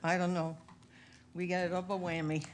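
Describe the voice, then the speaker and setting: A woman's voice: lowish voice, flat delivery, normal speed, a little hiss or hum. A woman resident giving an emphatic, indignant public speech at a council meeting into a podium microphone.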